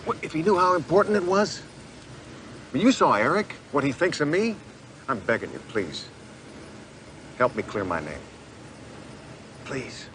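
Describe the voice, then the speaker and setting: A man's voice: lowish voice, lively intonation, normal speed, a bit bright, a little hiss or hum. An actor playing a reformed cat burglar, a middle-aged man on parole who talks wryly and begs for help. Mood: pleading. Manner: wry, chuckling, then pleading. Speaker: ex-convict on parole.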